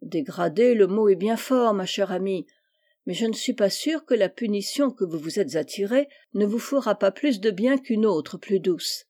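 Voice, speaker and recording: A woman reading aloud, voicing a stern and wise middle-aged mother who admonishes in a measured, firm way. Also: medium pitch, lively intonation, mellow, natural voice.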